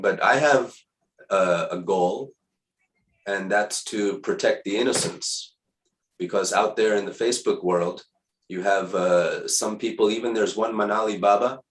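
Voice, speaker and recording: Low-voiced man in his fifties, echoey. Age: 50s. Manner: repeats words for emphasis, unhurried and reflective. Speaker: spiritual teacher. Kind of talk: casual spiritual monologue. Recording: echoey room.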